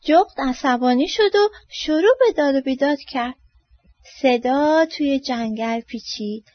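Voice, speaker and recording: A woman storyteller reading a children's story aloud, expressive and trailing off softly at line ends. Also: sits high, no room sound. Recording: dull lo-fi dry recording.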